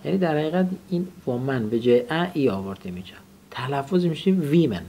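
A man teaches English words in a classroom lesson. He repeats each word and has his student say it back. His voice has a gravelly rasp, and a faint noise sits under the recording. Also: mid-range voice, animated, warm tone.

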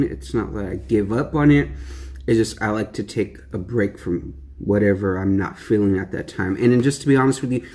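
A young mukbang vlogger with a medium-pitched, darkish voice chats casually to the camera while eating. He's laid-back and slangy, rambling along with many fillers.

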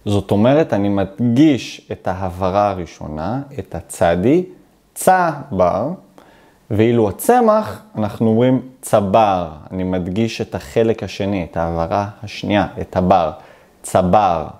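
A young man from Israel teaches a Hebrew video lesson, sounding out syllables slowly and with care. His voice sits low and mellow. His pitch swings up and down as he explains. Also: lively intonation. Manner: slow, careful, stresses syllables to show pronunciation.

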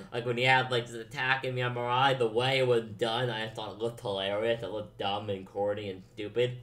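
A man's voice: mid-range voice, a bit bright. A young man giving a casual movie review, rambling and saying "like" a lot. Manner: rambling, heavy use of "like".

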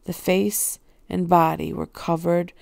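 A woman reading a novel aloud in first-person narration, with a steady, even delivery. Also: lowish voice, slow, creaky, no room sound. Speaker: audiobook reader.

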